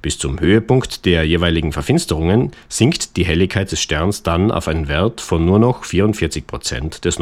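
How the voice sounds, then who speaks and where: A man reading scripted science news in a formal manner as a podcast presenter. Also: low voice.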